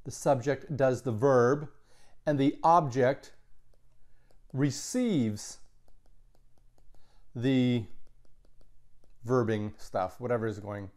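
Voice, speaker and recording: A man teaching a recorded grammar lesson, explaining slowly and patiently, sometimes correcting himself mid-sentence. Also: medium pitch, darkish tone. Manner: slow, patient explaining with self-corrections and asides. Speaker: Latin teacher.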